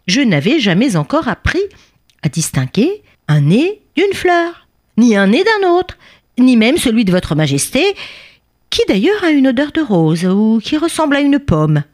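A woman voicing a tiny, newborn female bee who pleads with the king in a high, stammering voice. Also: big pitch swings, measured pace, darkish tone. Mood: pleading. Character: tiny young female bee, timid and flattering.

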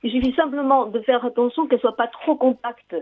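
A woman's voice: fairly high pitch, fairly quick, faint music behind. Older woman, radio show caller, phone line, tinny narrow sound, hesitant, restarts sentences, gives cooking advice.

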